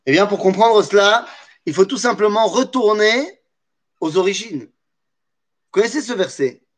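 Man, Torah teacher, high voice, very lively intonation, rhetorical questions, Hebrew terms. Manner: asks rhetorical questions and answers them; mixes Hebrew terms into French. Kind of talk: religious lesson.

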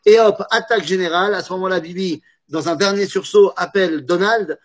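A man teaching a religious lesson, telling a story with lively drama and frequent hesitant restarts. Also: high-pitched, fairly quick. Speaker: Torah teacher.

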